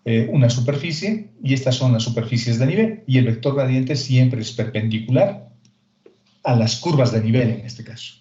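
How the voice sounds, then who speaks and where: A man's voice: medium pitch, normal speed, dark tone. A male math teacher giving a recorded calculus lecture, explaining step by step and directly to his students. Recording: echoey room, dull lo-fi sound.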